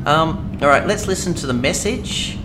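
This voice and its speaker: A man's voice: on the high side, animated, moderate pace. A man with an Australian accent giving casual, rambling let's-play commentary as a game streamer. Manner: chatty, rambling, many fillers. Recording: noisy home stream audio.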